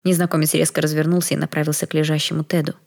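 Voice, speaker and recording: A woman reading a first-person audiobook in a soft, even storytelling manner. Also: low-pitched, very fast, gravelly.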